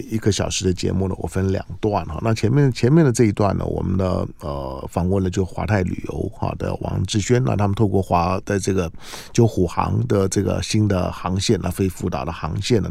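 Taiwanese guy hosting morning radio, creaky voice, really dry close sound, keeps repeating himself. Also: sits low, brisk, mellow, dry recording. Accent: Taiwanese Mandarin. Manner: repeats and restarts phrases, punctuates with filler particles. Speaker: radio host. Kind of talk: casual morning radio talk and interview.

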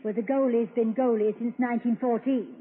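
An actress playing the dry-witted, refined wife of a college president, teasing him gently in a 1940s radio comedy. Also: female voice, on the high side, fairly even intonation, a little fast, a crowd in the background, lightly acted. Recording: tinny old radio broadcast, faint hiss.

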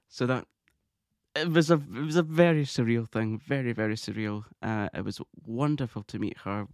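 A man hosting his own podcast, talking in a chatty, excitable way and laughing often. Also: on the low side, no echo, clean studio sound. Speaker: podcast host. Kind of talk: casual monologue podcast.

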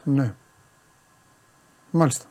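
A man co-hosting a show, bantering casually and hammering his points home by repeating words over and over. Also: mellow. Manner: emphatic, repeats words for insistence. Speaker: radio co-host.

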